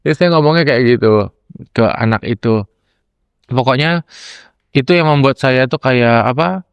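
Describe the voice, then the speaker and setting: A young adult man, a lecturer telling classroom stories in casual chat, acting out quoted lines with animated jumps in pitch. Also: moderate pace, clean tone, no room sound. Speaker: lecturer and podcast guest.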